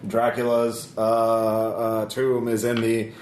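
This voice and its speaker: A man's voice: lowish voice, completely flat delivery, slow, darkish tone. A man running a tabletop game as game master, narrating casually with profane, jokey banter. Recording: roomy, noisy tabletop recording.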